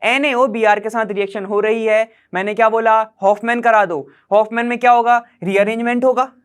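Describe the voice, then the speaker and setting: A man's voice: high-pitched, steady tone, brisk, clean tone. A man teaching chemistry problems step by step, chatty, quizzing the viewer and checking in with short "okay"s as he works. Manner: chatty, quizzes the viewer, keeps saying "theek hai".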